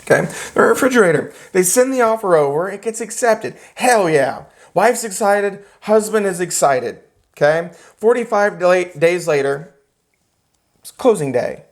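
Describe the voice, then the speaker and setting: Lively male real estate instructor. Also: sits high, measured pace. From United States. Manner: animated, joking, acts out characters. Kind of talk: classroom lecture with storytelling. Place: classroom.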